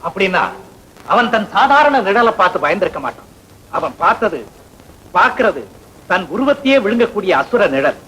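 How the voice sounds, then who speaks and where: An actor playing a thoughtful husband who reasons aloud in an old Tamil film. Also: male voice, high-pitched, sing-song, normal speed, long pauses, sharp tone, a little hiss or hum, heavily acted, rough recording.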